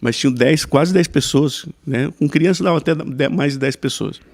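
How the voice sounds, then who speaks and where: Gravelly Brazilian pastor telling a story. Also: male voice, on the high side, moderate pace. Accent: Brazilian Portuguese. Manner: lively storyteller, mimics the people he quotes, frequent "né?" tags. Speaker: pastor, podcast guest. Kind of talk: anecdotal storytelling in a casual podcast chat.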